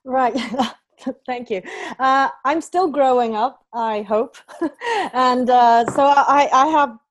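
A cheerful middle-aged woman from Hong Kong talks as an interview guest, laughing often and pausing with many hesitations. Her voice is recorded close and dry. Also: sits high, no echo. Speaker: guest, company founder. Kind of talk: podcast interview.

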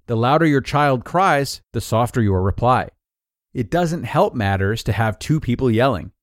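Man reading tips in a lively, dry voice. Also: mid-range voice, normal speed, dry recording. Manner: clear, even read-aloud delivery of numbered tips. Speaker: narrator reading an article aloud. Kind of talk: scripted narration.

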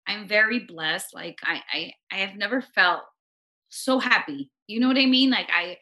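A woman's voice: mid-range voice, moderate pace, pushed and bright. A woman from Los Angeles, a radio co-host, chatting casually and emotionally as a podcast guest, full of "you know what I mean".

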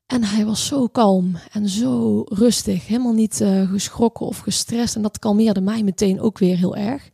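A woman in her thirties telling a personal story in a halting, reflective way, with many restarts and fillers. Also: mid-range voice, steady tone, creaky, dark tone, husky, dry recording, studio quality.

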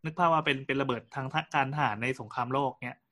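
A man's voice: mid-range voice, steady tone, rapid-fire, sharp tone. Man telling a story in casual chat. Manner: storytelling with frequent restarts and fillers. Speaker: podcast co-host.

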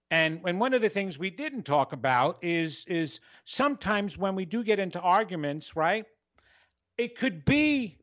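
A man with a New York accent, hosting a radio talk show with an animated, energetic, dramatic way of speaking. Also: high-pitched, highs cut off. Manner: dramatic, expressive, repeats and restarts. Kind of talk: solo talk monologue.

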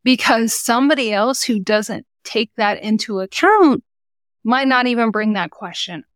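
A woman business coach talks through her work in a relaxed interview, sounding earnest and encouraging. Her voice is smooth and resonant. The sound is dry and close, with almost no room in it. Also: on the high side, unhurried, no room sound. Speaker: business coach for mothers, podcast guest. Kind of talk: conversational interview.

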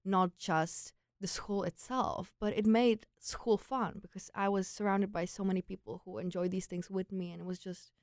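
Young Czech-accented woman, clear smooth voice. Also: mid-range voice, steady tone, normal speed, few pauses, a little mellow, dry recording, studio quality. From Czech Republic, grew up in Prague. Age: young adult. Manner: informal, peppered with "like" and quoted thoughts. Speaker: interview guest, former exchange student. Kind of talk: casual personal storytelling.

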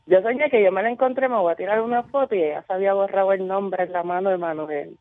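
A woman's voice: medium pitch, fast talker, no room sound. Woman, radio caller, tinny phone line, dry, chatty storytelling. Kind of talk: telling an anecdote on the phone.

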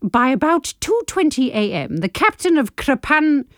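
Animated British woman chatting playfully. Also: sits high, normal speed, no room sound, clean studio sound. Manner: frequent tag questions and teasing asides. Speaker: comedy podcast host. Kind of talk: playful casual chat.

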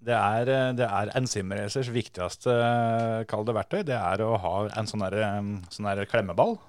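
A man's voice: lowish voice, dry recording. A man hosting a podcast, leading the talk with easygoing questions. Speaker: podcast host. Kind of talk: casual podcast chat.

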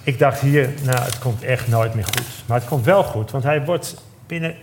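A man on a theatre stage telling a personal story in an emotional, halting way, often breaking off and starting again. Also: medium pitch, a little hiss or hum. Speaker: guest storyteller. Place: theatre stage before a live audience.

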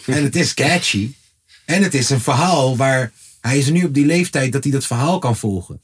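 A man, a father, co-hosting a podcast in casual, slang-heavy chat that breaks into animated, high-pitched exclamations. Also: normal speed, husky. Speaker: podcast co-host.

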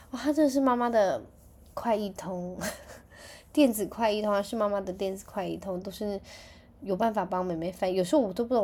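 A woman's voice: mid-range voice, mellow. A woman in her thirties hosting a podcast, chatting casually and animatedly as she tells stories about her children. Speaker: podcast host. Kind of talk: casual chat.

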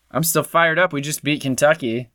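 A man's voice: a little high, a bit bright, dry recording, clean studio sound. A man co-hosting a casual sports fan podcast, chatty and enthusiastic. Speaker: podcast co-host.

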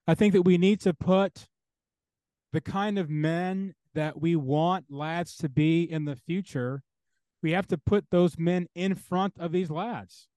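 Brief: male interview guest, theologian, emphatic and insistent, stacks phrases in a row, fairly high voice, dry close sound. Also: fairly even intonation, a little slow, dark tone, dry recording. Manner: emphatic, builds points through repeated parallel phrases. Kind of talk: earnest interview talk.

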